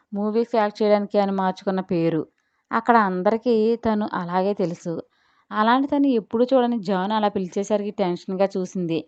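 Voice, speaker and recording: A woman storyteller reading a romance audio story in a measured, expressive way. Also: medium pitch, clear, resonant tone, no echo. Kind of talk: scripted story narration. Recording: dull, slightly lo-fi, dry.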